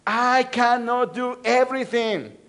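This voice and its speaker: Unhurried and very high-pitched, a male pastor from Mexico City preaches in church with a Mexican Spanish accent. He works the congregation with call-and-response and repeated phrases that rise loud and drop soft.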